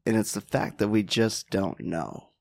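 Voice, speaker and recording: A man's voice: fairly low pitch, unhurried, creaky, no echo. Man telling a story in a dry voice. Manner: animated, says "right?" and "like" often. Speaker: podcast guest, mindset mentor. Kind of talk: casual storytelling.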